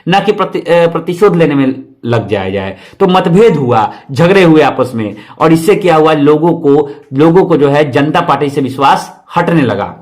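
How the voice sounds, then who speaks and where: A man's voice: a little high, lively intonation, normal speed, few pauses, darkish tone. A man giving an exam-prep history lecture, explaining each point twice and asking rhetorical questions. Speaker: history teacher.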